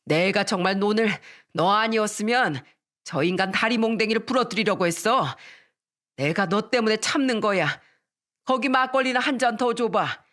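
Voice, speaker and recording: A woman playing a loud, bossy older mother-in-law. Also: mid-range voice, moderate pace, lightly acted. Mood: gruff. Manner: shouting, domineering.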